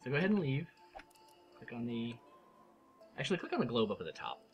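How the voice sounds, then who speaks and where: Man, mid-pitched, animated delivery, wry gameplay guidance. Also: fast, dull audio, faint music behind. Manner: wry, guides partner through the game. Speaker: let's play co-host. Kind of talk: casual gameplay chat.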